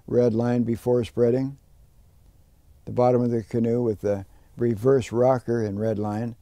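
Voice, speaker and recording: A man's voice: medium pitch, dark tone, no room sound. An older man, a canoe carver, explaining his methods in plain, practical talk with some fillers, outdoors at a work site. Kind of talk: hands-on demonstration.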